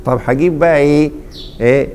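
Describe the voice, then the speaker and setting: A middle-aged man with an Egyptian accent teaching a classroom grammar lesson, repeatedly pausing mid-sentence so students fill in the missing word. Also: on the high side, a little mellow, slight background noise. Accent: Egyptian Arabic. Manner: quizzing, leaves blanks for students to fill.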